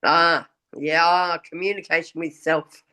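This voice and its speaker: A hoarse woman guest in a casual conversation who answers softly and briefly and agrees readily. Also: low voice, steady tone, slow. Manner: soft, agreeable, brief replies.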